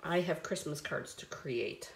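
A woman's voice: low voice, measured pace, vocal fry, a little hiss or hum. A woman hosting a live card-making stream, chatty and bubbly, greeting viewers by name as she works. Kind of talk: live crafting stream chat.

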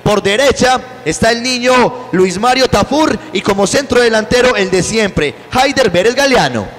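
A Colombian man analyses a live football match in florid, rhetorical language. His pitch sits extremely high for a man, and the sound is heavily reverberant. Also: expressive, normal speed, fairly bright tone.

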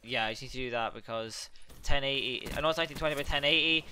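A young man hosting a gaming channel, rambling and excitable as he commentates live gameplay and swears at opponents. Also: medium pitch, fast talker, slight background noise.

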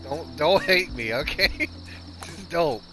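A man's voice: fairly high pitch, expressive, slow, sharp tone, slight background noise. A man playing a video game with a friend, teasing him and laughing a lot. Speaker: gamer. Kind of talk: gameplay chat.

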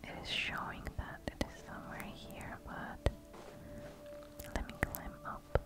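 A woman whispers softly and very close to the mic as she narrates her own gameplay in ASMR style. She takes her time, with long, unhurried phrasing. The voice is breathy and gentle, as if murmuring to herself. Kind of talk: whispered ASMR game commentary. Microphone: close-up microphone.

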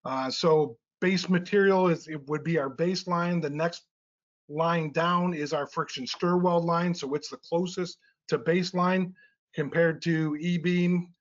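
A man's voice: a little high, fairly even intonation, measured pace. A middle-aged man presenting technical slides in a webinar, explaining step by step with frequent uh and um fillers. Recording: slightly dull lo-fi webinar audio.

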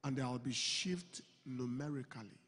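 On a large church stage, a middle-aged pastor with a medium-pitched voice preaches a sermon into a handheld mic, moving from slow, measured phrases to loud, emphatic declarations. The sound carries a long hall reverb and is slightly breathy.

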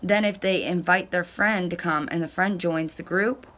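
A woman's voice: fairly low pitch, moderate pace, fairly bright tone. A woman in her thirties giving a casual, matter-of-fact tutorial to camera, recorded on a phone on a covered porch. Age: 30s. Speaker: direct sales consultant giving a tutorial. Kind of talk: casual explanatory talk to camera. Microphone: phone at arm's length or propped close. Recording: faint outdoor background noise.

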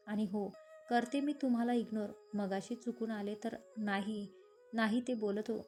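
A woman's voice: medium pitch, warm tone, close to an everyday voice. A woman voicing a proud, strong-willed young woman from a poor family, hurt and defiant in a narrated romance story. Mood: angry.

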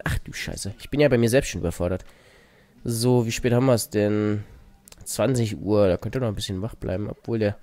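A man's voice: mid-range voice, darkish tone. A man giving casual, wry commentary while playing a life-simulation game, muttering to the characters on screen. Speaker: let's play host.

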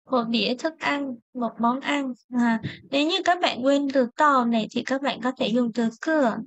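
A young woman from Vietnam, speaking, patiently teaching a language lesson and repeating words slowly. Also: a little high, fairly bright tone, no echo.

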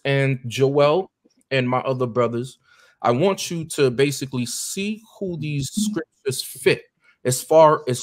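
An American man, a deacon, preaching earnestly and directly to guests at a meeting, with many ums and uhs. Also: mid-range voice. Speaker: deacon leading a Bible study.

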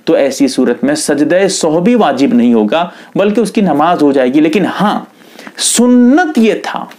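A man's voice: high voice, darkish tone. A man, an Islamic scholar, giving a religious instruction lesson, repeating key points emphatically. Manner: repetitive, emphatic explaining.

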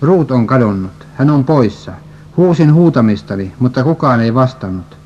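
A man's voice: mid-range voice, expressive, a little mellow, close to an everyday voice. A man reading the lines of a distraught woman searching for her lost child, in a plain read-aloud way, on a dull lo-fi recording. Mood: desperate.

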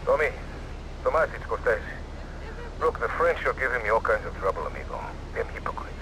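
A man's voice: medium pitch, sing-song, a little fast, background noise, lightly acted. Man acting theatrical Latin colonel, Colonel Cortez. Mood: exasperated, pleading. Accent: Latin American Spanish. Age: middle-aged. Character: middle-aged male Latin colonel, courtly and theatrical. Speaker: game character. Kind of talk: video game cutscene acting. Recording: game audio over loud vehicle ambience.

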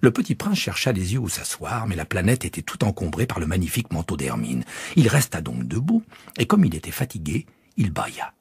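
A man narrating a children's audiobook in an expressive, hushed way, often dropping near a whisper. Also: low-pitched, a little fast, creaky, breathy edge, no echo.

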